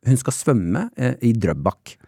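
A man in a casual radio chat, telling an animated story with frequent laughter. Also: medium pitch, creaky, slightly rough, no room sound, clean studio sound. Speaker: guest storyteller.

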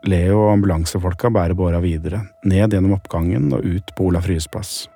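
A male documentary host with a very deep, husky voice. He narrates his script at a calm, measured pace and puts short questions to his guest. Faint music sits underneath.

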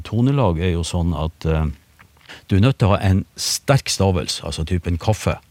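Male radio panel expert, low voice, dry studio mic; patient explainer with lots of hesitations. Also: darkish tone, dry recording. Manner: patient, explanatory, with many fillers and restarts. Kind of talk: explaining on a radio talk show.

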